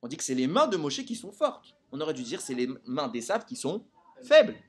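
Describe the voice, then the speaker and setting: Male Torah teacher addressing a live group, somewhat high-pitched, very expressive delivery, constantly quizzing his listeners. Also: brisk, slightly rough. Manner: animated, quizzes listeners with rhetorical questions.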